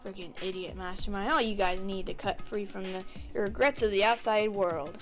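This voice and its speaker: A woman's voice: mid-range voice, fairly even intonation, normal speed. A woman streaming a video game, reading the dialogue aloud with playful voices and chatty asides. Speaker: let's play streamer. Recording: music behind.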